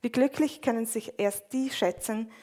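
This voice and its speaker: A woman reading a Bible passage aloud in a measured, even way, then interpreting a sermon line by line. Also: fairly high pitch. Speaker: scripture reader and interpreter.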